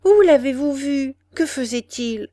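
A woman's voice: high voice, lively intonation, a little slow, dark tone, no echo, voice pushed up. A woman voicing a poor old widowed mother who pleads and exclaims, raised and strained, in a storybook reading. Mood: eager.

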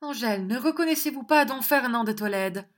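A tender young nobleman from a storybook, heartbroken yet courtly, as a woman narrator voices him. His words come in an earnest, steady lament. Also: a little high, brisk, pitched above the performer's own voice, lightly acted. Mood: pleading.

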